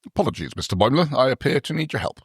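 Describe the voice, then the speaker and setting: A man's voice: medium pitch, sing-song, very fast, slightly rough, no echo, clean studio sound, pitched above the performer's own voice. A man reading as a formal alien officer. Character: calm, formal male alien science officer.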